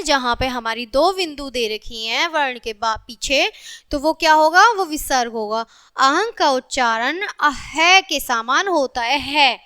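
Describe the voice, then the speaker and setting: A woman teaches a children's grammar lesson in a high, bright voice. She takes it slowly and patiently, turning to the children again and again. She drops numbers into her talk. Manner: slow, patient, addressing children often; mixes English numbers into Hindi.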